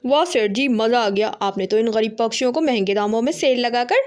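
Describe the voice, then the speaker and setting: A woman's voice: on the high side, brisk, lightly acted. A woman doing a fawning parrot sidekick.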